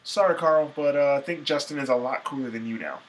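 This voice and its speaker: A man's voice: mid-range voice, a little fast. A tired young man talking casually to camera in his small bedroom, chatty and playful as he hosts a band interview. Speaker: music vlogger interviewing a band. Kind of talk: casual vlog talk to camera. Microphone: camera mic at close range.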